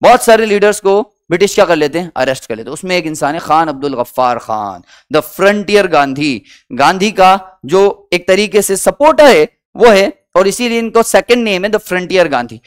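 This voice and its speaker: In a smooth, high voice, a man leads an energetic classroom history lesson in mixed Hindi and English. Calling students beta, he repeatedly asks them questions, has them repeat the answers and acts out short quotations.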